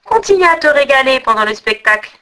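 A woman's voice: high-pitched, lively intonation, quick pace, bright, forceful tone, low-quality recording. A woman voicing a gluttonous, cruel male troll king in a storybook reading, speaking with solemn gloating.

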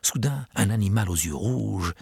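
Man reading a storybook with gravelly warmth. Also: fairly low pitch, normal speed, no room sound, clean studio sound. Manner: expressive, lively storytelling. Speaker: narrator.

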